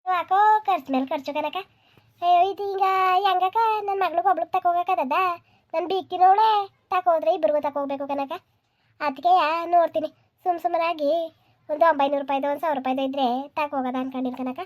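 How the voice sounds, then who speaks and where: A woman voicing a busy, sharp-tongued village housewife in a comedy cartoon, speaking in a scolding, sing-song way. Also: high voice, steady tone, fast talker, natural voice. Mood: chatty.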